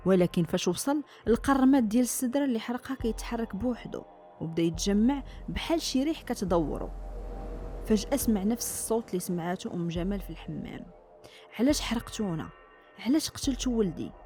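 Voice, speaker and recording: A woman with a Moroccan accent narrates a scripted horror story with dramatic suspense. Her delivery is quick and her tone dark and mellow. Faint music plays behind her. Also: medium pitch. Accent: Moroccan Arabic.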